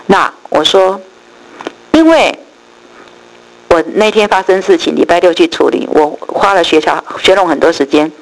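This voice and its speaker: Middle-aged woman, gravelly edge, animated church testimony. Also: fairly low pitch, low-quality recording. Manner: lively storytelling, acts out quoted voices, many drawn-out particles. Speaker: church speaker giving testimony. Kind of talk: spoken testimony storytelling.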